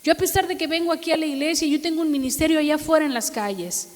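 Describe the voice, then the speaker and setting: A woman's voice: high voice, fast, in a large hall. A middle-aged woman pastor with a Mexican accent, preaching a sermon and acting out the dialogue of her own story. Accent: Mexican Spanish. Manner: storytelling, acts out dialogue, asks audience for amen.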